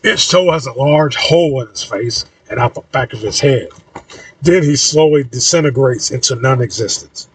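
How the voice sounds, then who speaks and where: Husky man reading an audiobook. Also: mid-range voice, lively intonation, normal speed, no room sound. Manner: casual, slightly stumbling reading. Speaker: audiobook narrator, author. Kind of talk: audiobook narration. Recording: voice a bit far from mic.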